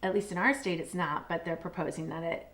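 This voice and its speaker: A woman's voice: fairly low pitch, steady tone, fairly quick, fairly bright tone. A woman co-hosting a casual podcast, chatting and reading short quotes aloud with fillers and restarts. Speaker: podcast co-host.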